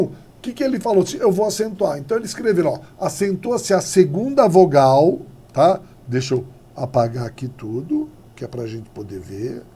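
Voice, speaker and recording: A man's voice: sits high, husky. A man, teaching a classroom grammar lesson and acting out little dialogues as he explains. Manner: lively, animated, acts out little dialogues.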